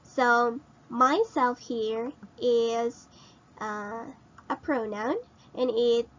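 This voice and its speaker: A woman teacher slowly explaining grammar in a recorded lesson, asking her students questions and repeating points. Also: fairly high pitch, steady tone, muffled recording. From Philippines.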